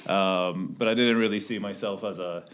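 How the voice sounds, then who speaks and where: A man, a missionary answering interview questions hesitantly with many pauses and restarts. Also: low voice, steady tone, background noise. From Sweden. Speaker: missionary pilot.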